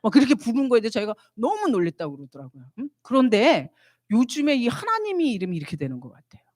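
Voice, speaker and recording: A woman's voice: a little high, wildly swooping pitch, quick pace, a little mellow, no room sound, clean studio sound. A woman missionary giving a church retreat lecture, teaching animatedly and asking the audience questions that she answers herself.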